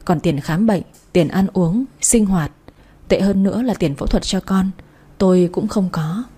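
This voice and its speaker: Husky woman narrating a sad story. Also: mid-range voice, normal speed, dark tone. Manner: sorrowful, reflective. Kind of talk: first-person storybook narration.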